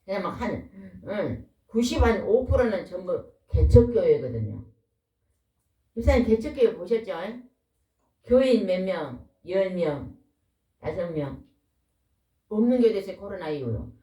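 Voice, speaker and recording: A woman preaching a lively, folksy sermon, a pastor's wife who keeps asking the congregation questions. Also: mid-range voice, unhurried, pauses often, dull audio. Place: church hall. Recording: echoey hall, voice from far off.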